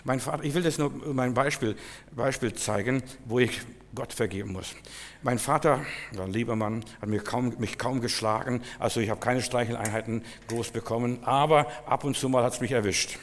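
A man preaching a sermon, swinging from quiet, slow confession to loud, pleading repetition. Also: mid-range voice, slight background noise. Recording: long hall reverb.

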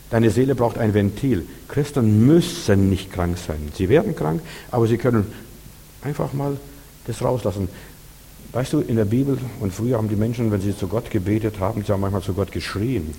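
A man's voice: lowish voice, mellow, big-room sound, slight background noise. A man preaching a sermon in an earnest, repetitive way, speaking straight to his listeners.

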